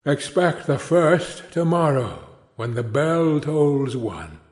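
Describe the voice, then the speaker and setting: A man's voice: on the high side, lively intonation, takes it slowly. A man voicing a mournful chained ghost. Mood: mournful warning. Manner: solemn, grieving declamation. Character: anguished chained ghost of an old businessman.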